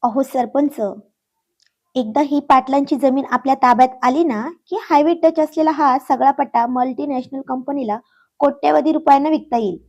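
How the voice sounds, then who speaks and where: A woman's voice: high-pitched, normal speed, warm tone, highs cut off. A woman voicing a scheming, persuasive man in a suit who deals in land.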